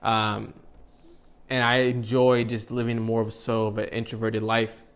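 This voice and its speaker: A man's voice: on the low side, monotone, measured pace. A man of thirty-one giving a casual, rambling motivational talk to camera as a vlogger, with many fillers and restarts. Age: 30s.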